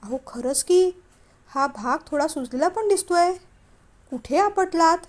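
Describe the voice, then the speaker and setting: Brief: woman playing a nosy storybook wife, eager questions, high voice. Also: lively intonation, measured pace, darkish tone. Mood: curious. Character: curious chatty young wife.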